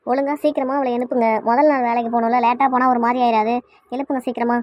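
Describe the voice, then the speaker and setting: A woman voicing a bossy, quick-tempered mother in a cartoon, scolding nonstop, with a Kanyakumari Tamil accent. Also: on the high side, flat delivery, dry recording, lo-fi sound, close to an everyday voice. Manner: scolding, rapid-fire.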